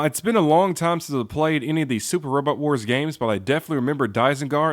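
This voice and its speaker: A man's voice: on the high side, fairly bright tone, no echo, clean studio sound. A man giving a casual toy review, enthusiastic, repeating praise words and dropping frequent ums.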